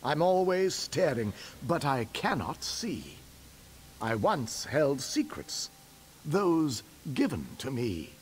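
A slow, cryptic old riddler. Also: male voice, fairly high pitch, big pitch swings, a little hiss or hum. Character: old male riddle-giving elf officer.

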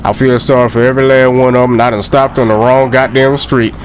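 A young man giving loud, profane, joking let's play commentary and laughing often. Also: mid-range voice, little pitch movement, a little fast, a little hiss or hum. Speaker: gameplay commentator.

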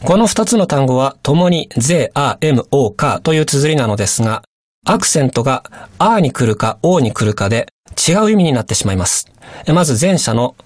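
This radio language lesson features a courteous male teacher explaining at a moderate pace. His pitch is animated, and the sound is dry and close with no echo.

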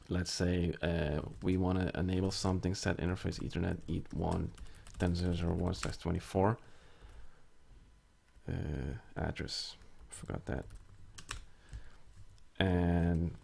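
A man with a low-pitched, darkish voice and vocal fry presents a network tutorial. In a casual, step-by-step screen recording, he explains things as he types commands, using frequent fillers.

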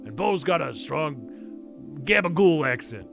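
Man in his thirties, game streamer, lively intonation, playful, close mic, music behind. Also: on the high side, measured pace, vocal fry. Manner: playful, theatrical. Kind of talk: live playthrough commentary, reading game text aloud. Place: small indoor streaming room. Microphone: close streaming microphone.

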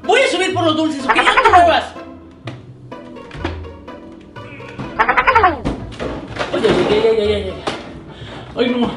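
A man's voice: very high voice, sing-song, moderate pace. A man playing a silly, greedy, childlike clown in a children's slapstick sketch, whiny and full of exclamations. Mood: fussing. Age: young adult. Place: tiled living room and kitchen at home. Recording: roomy, loud music over voice.

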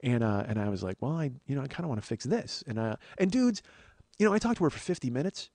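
A middle-aged comedy podcaster goes off on a rambling, profane comic monologue in casual chat, digressing mid-thought and growing agitated. His mid-range voice moves fast with big pitch swings and a slightly mellow quality, in a dry recording.

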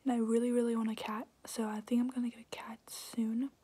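Young woman in a breathy whisper. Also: fairly high pitch, flat delivery, fairly quick, dark tone. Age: young adult. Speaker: ASMR video creator. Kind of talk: whispered ASMR Q&A, casual chat. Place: small room indoors, at home.

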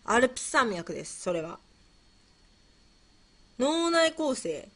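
A woman's voice: fairly high pitch, very animated, slow. A woman hosting a casual livestream, playfully fumbling through quiz questions and chatting with viewers, musing aloud and repeating herself. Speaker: livestream host.

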